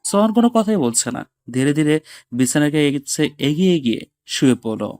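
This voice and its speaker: A man narrating a Bengali audio story in a steady, dramatic manner. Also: fairly high pitch, brisk, no echo.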